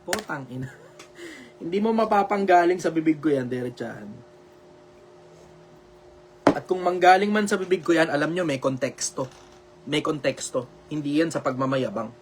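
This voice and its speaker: Loud Filipino show host, high voice, blunt and repetitive, swears freely. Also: male voice, normal speed, pauses often, a little hiss or hum. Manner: says he speaks loudly on purpose for social media. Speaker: live show host answering viewer questions. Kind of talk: loud, preachy live advice talk. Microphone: video call.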